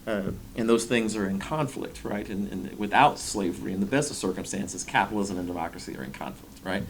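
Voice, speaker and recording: A man speaking in a documentary interview, thoughtful and halting, with many fillers. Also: fairly low pitch, slight background noise.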